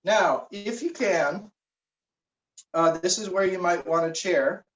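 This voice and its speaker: A man leading a guided meditation and warm-up stretches, giving slow, relaxed instructions with frequent fillers. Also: sits high. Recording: roomy, distant, dull recording.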